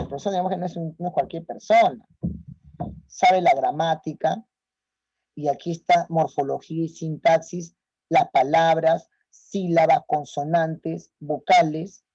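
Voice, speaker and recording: A man's voice: a little high, mellow, no echo. A man teaching an online lecture, emphatic and asking his students rhetorical questions. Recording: muffled lo-fi audio.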